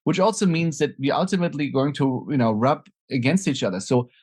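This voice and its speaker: His voice sits fairly high, a little fast and a little mellow, with a breathy edge. He is a middle-aged man from Germany, accented accordingly, appearing as a nonprofit founder guest in a conversational interview and speaking thoughtfully amid frequent fillers and restarts.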